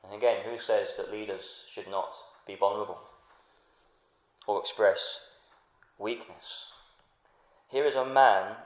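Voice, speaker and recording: A man's voice: medium pitch, roomy sound, poor audio. A man preaching a sermon in earnest, building to fervent passages and stumbling over restarts.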